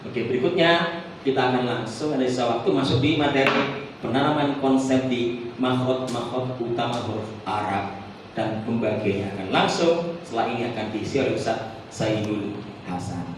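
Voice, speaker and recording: A man teaching a Quran recitation workshop, explaining the melody and chanting verses slowly for the group to repeat. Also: medium pitch, slight background noise. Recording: echoey hall, distant mic.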